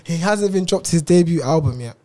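Casting: male, London roadman accent, higher-pitched voice, slang-heavy and emphatic casual chat. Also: expressive, a little fast, darkish tone. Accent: London, urban slang-heavy. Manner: slangy, emphatic, repeats himself.

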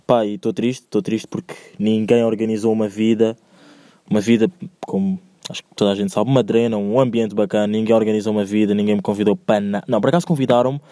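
A man's voice: on the low side, fairly even intonation, fast talker, dark tone, dry recording, studio quality. A young man with a European Portuguese accent hosting a solo podcast, rambling in slangy, casual talk and ranting with growing heat. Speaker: podcast host. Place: indoors, recorded alone at home.

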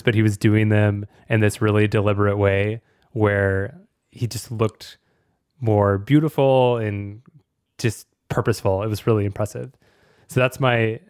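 A man's voice: fairly low pitch, a little mellow, clean tone, no echo, studio quality. A man hosting a podcast in a casual, fluent, talkative way. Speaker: podcast host.

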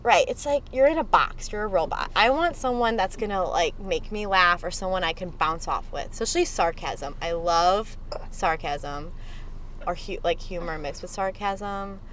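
A woman's voice: lowish voice, moderate pace, fairly bright tone, slight background noise, low-quality recording. A young woman co-hosting a podcast from inside a car, chatting casually in a joking, profane, rambling way. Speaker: podcast co-host. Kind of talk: casual chat.

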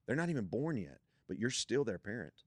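A man's voice: medium pitch, very animated, fairly quick, dry recording. A young man, a guest on a church podcast, talking about faith in an emphatic, preacherly way that builds to strong points.

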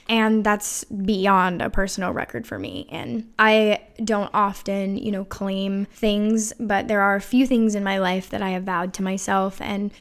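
A woman in her thirties talks through a reflective solo podcast episode in an earnest, confessional tone. Her voice is mid-pitched and carries some emotion, and she keeps it casual with "you know" and "like" along the way. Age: 30s. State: emotional, voice wavering. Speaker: podcast host.

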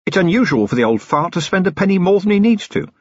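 Man doing a sarcastic tired cop, dry wit, husky voice, animated, audiobook figure. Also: high-pitched, fast talker, no room sound, dull audio, voice pushed up, exaggerated voice. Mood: wry. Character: weary, sardonic policeman husband.

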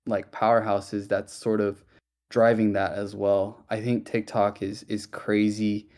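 A man's voice: on the low side, little pitch movement, measured pace, darkish tone. A man hosting a casual online Q&A, chatty and loose, with many fillers and restarts. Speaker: project host. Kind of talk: casual audio-room Q&A.

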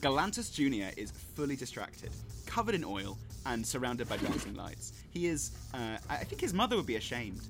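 A man's voice: mid-range voice, very animated, moderate pace, few pauses, over music. A man running a tabletop game as game master, playful and theatrical.

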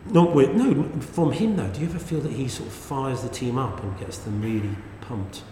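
This middle-aged man co-hosts a casual podcast chat, telling stories with lively swings in pitch at a moderate pace. The room is echoey with long reverb, and a little hiss or hum can be heard.

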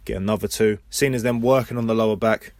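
Low-voiced man rambling through a wrestling recap. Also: fairly even intonation, fast talker, darkish tone, no echo, studio quality. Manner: rambling play-by-play with personal asides. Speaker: podcast host. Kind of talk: casual wrestling episode recap.

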